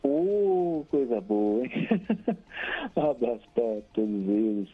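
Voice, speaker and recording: This Brazilian radio caller has a mid-range, sing-song voice that is slow and slightly rough. He chats happily on air, laughing often and listing name after name in casual shout-outs. The phone line is tinny and crackly, keeps cutting out, and carries faint music.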